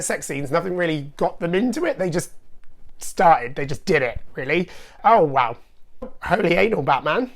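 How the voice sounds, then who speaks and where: A woman's voice: lowish voice, darkish tone. A woman hosting a comic film review, talking in a dry, sarcastic way with wry asides. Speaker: host reviewing films.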